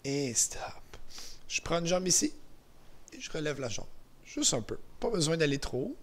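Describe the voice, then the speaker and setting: A man with a Québécois French accent leading a gentle exercise class, calm and encouraging, counting down softly. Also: fairly high pitch, brisk. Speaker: exercise instructor. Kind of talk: guided seated exercise class. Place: indoors beside a chair.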